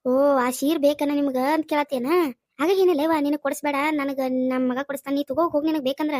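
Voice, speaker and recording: A woman's voice: sits high, fairly even intonation, rapid-fire, darkish tone, dry recording, studio quality, natural voice. A woman voicing a cranky, hard-of-hearing old grandmother with a North Karnataka accent, scolding and rambling in a cartoon comedy. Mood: grumbling. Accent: North Karnataka Kannada. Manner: scolding, rambling, insists she is not deaf.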